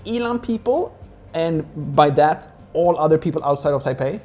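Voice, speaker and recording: This casual, rambling chat comes from a speaker who grew up in Sweden and uses "like" as a filler again and again. Their medium-pitched voice is expressive and a little mellow, moving at a moderate pace.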